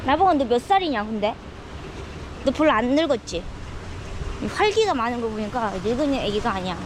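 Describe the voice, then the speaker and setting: A woman with a high voice keeps up a chatty running monologue with the dog she is walking. She is recorded on a camera mic outdoors, with steady traffic and wind noise in the background. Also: moderate pace. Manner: chatty, talks to the dog, mock-scared squeals. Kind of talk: casual self-talk monologue. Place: outdoors on a rural seaside road.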